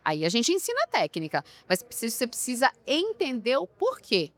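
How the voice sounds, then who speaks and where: A woman's voice: fairly high pitch, huge pitch swings, brisk, no room sound. A woman who coaches people on public speaking, talking emphatically in an interview and often asking rhetorical questions. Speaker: communication coach. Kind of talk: podcast interview.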